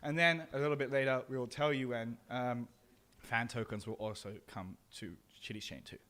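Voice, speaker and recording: A man co-hosts a casual chat show while eating hot peppers, with a mid-pitched, even voice. He talks hesitantly, full of ums and restarts, with his mouth burning from the spice. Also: moderate pace. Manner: hesitant, many ums and repeated words. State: mouth burning from spicy food. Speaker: co-host.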